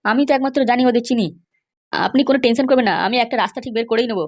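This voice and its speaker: Sly scheming fixer, rapid and boastful, voiced by a woman. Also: a little high. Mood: reassuring. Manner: glib, boastful and reassuring. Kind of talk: cartoon voice acting.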